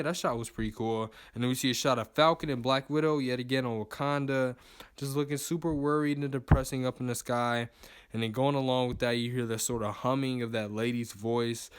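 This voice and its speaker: A man's voice: medium pitch, smooth. A man hosting a casual movie news vlog, breaking down trailers in a loose, rambling way. He leans on repeated words and "uh" fillers as he goes. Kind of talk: casual video commentary.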